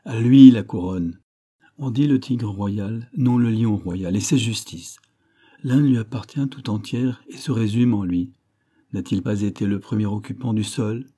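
A man's voice: on the low side, steady tone, fairly quick, hardly any pauses, mellow, natural voice. A man reading an audiobook, voicing a pompous, lecturing middle-aged animal dealer who declaims in grand, wordy phrases. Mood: grandiloquent. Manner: grandiloquent, declamatory, fond of rare words.

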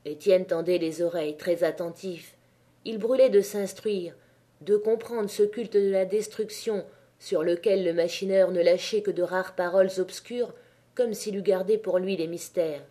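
Female audiobook narrator, measured and expressive, mellow tone. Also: lowish voice. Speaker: audiobook reader.

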